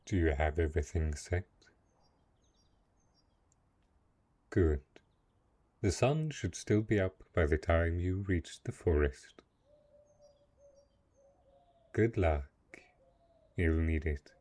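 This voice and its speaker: Soft and halting, a man plays a lonely dark knight who is gentle but possessive in an intimate fantasy audio roleplay, sounding resigned and caring. His low voice carries lively intonation, with no room sound.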